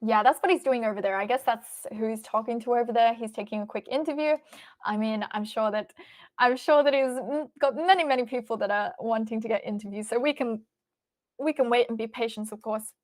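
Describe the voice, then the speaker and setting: Casting: female livestream host, Australian accent, slightly high voice, informal off-the-cuff chat. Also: fairly quick. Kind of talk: casual livestream chat, reading and answering viewer messages.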